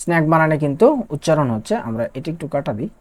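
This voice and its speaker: A woman's voice: deep voice, rapid-fire. A young woman from Bangladesh teaching an online class, asking questions and answering them herself. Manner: lively, asks and answers own questions.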